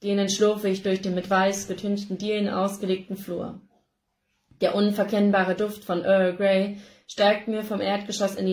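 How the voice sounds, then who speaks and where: A woman reading a first-person novel aloud in an emotive, expressive narration, recorded indoors. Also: medium pitch. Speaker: audiobook reader. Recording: roomy echo.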